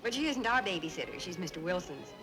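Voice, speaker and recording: A woman's voice: fairly low pitch, very animated, quick pace. An actress playing a pleasant young mother, sociable and chatty at dinner. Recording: old TV soundtrack with music behind.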